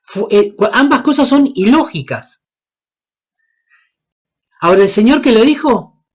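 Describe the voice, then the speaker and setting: A man's voice: very high-pitched, expressive, measured pace. Paraguayan guy preaching, keeps asking the crowd questions, acts out the story. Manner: asks the congregation questions, voices the Bible characters. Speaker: guest preacher. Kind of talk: sermon.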